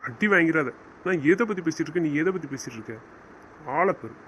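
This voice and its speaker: A man's voice: a little high, lively intonation, fast talker, slight background noise, poor audio. A man playing a stern husband in an audio drama, scolding and giving orders. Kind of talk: casual audio drama acting.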